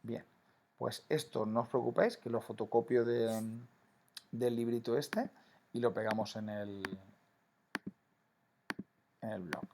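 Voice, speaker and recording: A man's voice: mid-range voice, steady tone, measured pace, pauses often, a little mellow, a little hiss or hum. A man teaching a grammar lesson to schoolchildren, explaining patiently and often checking in with "¿vale?". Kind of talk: recorded classroom grammar lesson.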